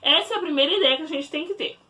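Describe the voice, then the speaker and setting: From her bedroom at home, a woman teacher records a remote class for children. Her voice is high and animated, a bit distant from the mic, and she explains slowly and warmly, often adding "né?".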